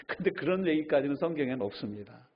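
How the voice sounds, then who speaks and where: A man's voice: on the high side, expressive, fast, lo-fi sound. A middle-aged male pastor preaching a sermon, telling stories and acting out the voices of the people he quotes.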